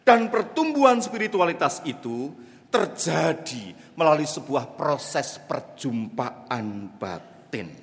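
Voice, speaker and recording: Lively high-voiced preacher in a reverberant hall. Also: male voice. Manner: dramatic storyteller, swings between loud calls and hushed asides. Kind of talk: sermon with a humorous story. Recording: long reverb of a large hall.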